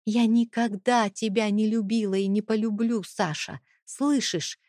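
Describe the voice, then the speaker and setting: A woman voicing a trapped young wife who fights back with raised, shouting accusations. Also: a little high, animated, a little slow, husky, no echo, studio quality, voice pushed up.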